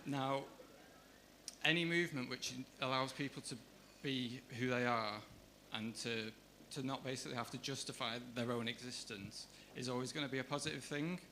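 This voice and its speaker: A man doing deadpan stand-up, pausing and hesitating between lines. His voice sits at a middle pitch. Room noise comes through clearly behind him. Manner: deadpan, hesitant delivery with fillers. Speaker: stand-up comedian. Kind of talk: stand-up comedy. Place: comedy club stage.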